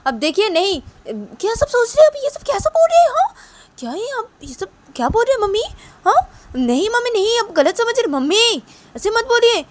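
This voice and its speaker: A woman voicing a young woman who protests in a high, shrill, pleading voice, for a spoken Hindi love story. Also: sing-song, brisk. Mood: flustered protest. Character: young woman, flustered, protesting to her parents.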